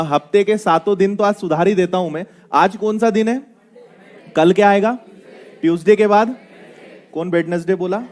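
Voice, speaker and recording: Playful man teaching a class, high voice. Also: a little mellow. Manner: playful, quizzing students with rhetorical tags. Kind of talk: classroom lecture with jokes.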